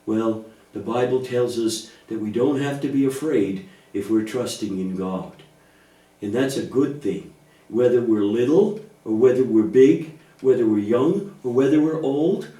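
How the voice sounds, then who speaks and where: Warm in tone and medium in pitch, a man speaks at an ordinary pace in a children's church puppet show. He gently and patiently explains faith in simple words through scripted dialogue, recorded far from the mic in a reverberant room.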